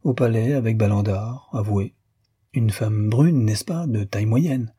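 A man's voice: fairly low pitch, a little slow, dark tone, breathy edge, no room sound, clean studio sound. A man voicing a sarcastic young male law student who teases his friend in mock-polite tones. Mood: teasing.

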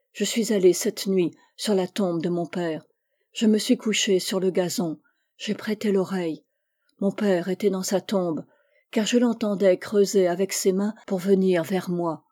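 Anguished young warrior dude, pleading and intense, mellow warm voice, woman doing him. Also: mid-range voice, lightly acted. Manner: impassioned, pleading speech.

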